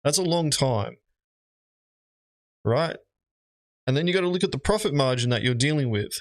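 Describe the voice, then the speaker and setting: A man's voice: medium pitch, lively intonation, moderate pace, no room sound. A man giving casual, rambling commentary as he reacts to gaming videos, with lots of fillers. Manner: rambling, frequent "you know" fillers.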